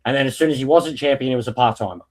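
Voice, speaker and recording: A man with a medium-pitched voice chats casually about wrestling as a podcast panellist. He is emphatic and opinionated, rambling on and swearing freely as he makes his case. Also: rapid-fire.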